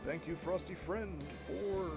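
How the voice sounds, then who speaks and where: Guy talking slow from under a blanket, kinda high voice, lots of uhs, game music going behind. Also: creaky. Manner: rambling, halting with many fillers. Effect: recorded under a blanket. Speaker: let's play gamer. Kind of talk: casual gameplay commentary.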